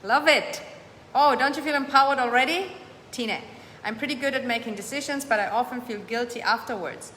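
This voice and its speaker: Speaking fairly quickly, a live-stream coach with a slightly high voice hosts her show in a warm, emphatic, encouraging way. She reads out comments from viewers, responds to each, and repeats phrases to drive points home. Her room is echoey, with a long reverb tail, faint ambience, and a subtle hum.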